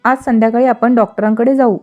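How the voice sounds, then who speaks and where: A calm older boss speaks gently and reassuringly, read by a high-voiced woman narrator. Faint music sits under this storybook reading. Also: quick pace, lo-fi sound, natural voice. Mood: concerned. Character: kind older male employer, calm and protective.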